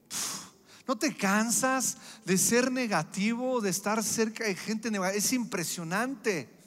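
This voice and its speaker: A man's voice: extremely high pitch, a bit bright. A middle-aged man preaching a sermon, with an emphatic, repetitive cadence. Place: church hall. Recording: echoey hall with faint music.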